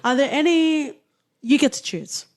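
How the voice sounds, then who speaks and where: A woman's voice: high voice, expressive, a little slow. A woman co-hosting a casual podcast, reviewing a TV series in an opinionated, teasing way. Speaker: podcast co-host.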